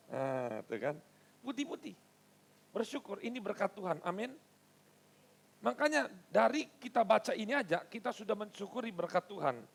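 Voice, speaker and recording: High, gravelly-voiced pastor preaching. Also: male voice. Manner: lively, mixes stern asides with playful teasing of the congregation. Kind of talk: sermon.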